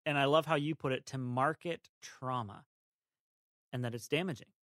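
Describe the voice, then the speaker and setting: A man's voice: medium pitch, normal speed, a bit bright, dry recording, clean studio sound. Thoughtful man, affirming co-host. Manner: thoughtful, affirming, asks questions. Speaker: podcast co-host, interviewer. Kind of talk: faith-based conversational talk.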